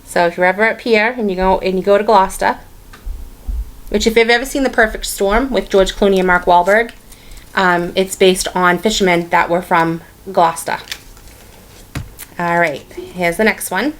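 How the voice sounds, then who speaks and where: Talking at a normal speed in a mid-range voice, this stitching vlogger has a Boston-area accent. Her casual hobby chat rambles along, full of ums and restarts.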